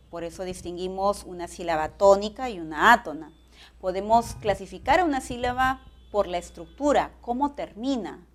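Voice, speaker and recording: A woman with a Peruvian accent teaching a pre-university class, explaining each step in a measured way. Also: mid-range voice. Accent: Peruvian Spanish. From Peru. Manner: measured, explanatory, spells out syllable patterns.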